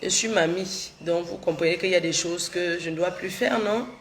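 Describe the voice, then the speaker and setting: A middle-aged Cameroonian woman livestreams on social media with a cold, chatting casually, repeating herself and replying straight to viewers' comments. Her voice sits lowish at a moderate pace, with a little hiss or hum in the audio.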